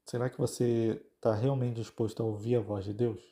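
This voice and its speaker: A man's voice: mid-range voice, level tone, moderate pace, dark tone. A man with a Brazilian Portuguese accent, hosting a podcast in a casual devotional style, talking informally and speaking straight to his listeners. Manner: informal, conversational, addresses listeners directly. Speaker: podcast host.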